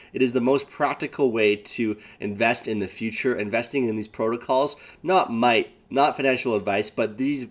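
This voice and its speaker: A man hosting his own channel, talking casually with hype while reading news and quotes aloud. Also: mid-range voice. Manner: hyped, repeats "guys", reads quotes aloud. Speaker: crypto channel host.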